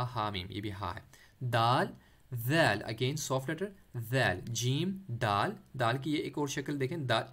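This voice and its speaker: Speaking unhurriedly in an ordinary middle pitch, a man gives a letter-by-letter tajweed lesson on the Arabic letters used in Quran reading. He patiently repeats each letter, draws out recited phrases, and slips English words into his teaching.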